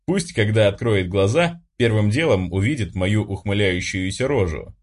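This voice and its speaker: Husky male narrator, wry and theatrical. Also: on the low side, lively intonation, normal speed. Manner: wry, self-mocking, theatrical whining. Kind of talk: audiobook narration.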